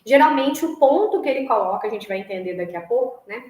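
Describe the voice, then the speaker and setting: A woman's voice: on the high side, animated, fast talker, darkish tone. Brazilian woman teacher, echoey room. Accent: Brazilian Portuguese. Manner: explanatory, tags phrases with "né?" and "tá?"; chants rhythm syllables to demonstrate beats. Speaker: music teacher. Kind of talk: online music lesson.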